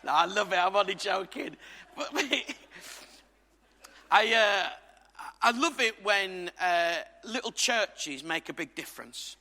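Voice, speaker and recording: Lively English preacher in a reverberant hall. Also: male voice, sits high, takes it slowly. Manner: lively, jokey, emphatic preaching with asides to the congregation. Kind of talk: sermon. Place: church hall.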